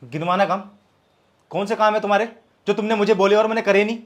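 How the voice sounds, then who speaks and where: A man's voice: high voice, fairly even intonation, fast talker, close to an everyday voice. An actor playing a proud young man who argues defensively with his partner, then turns cold and bitter. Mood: angry. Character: young man, proud, hurt, coldly walking out. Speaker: live-in partner. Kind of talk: scripted short-film acting.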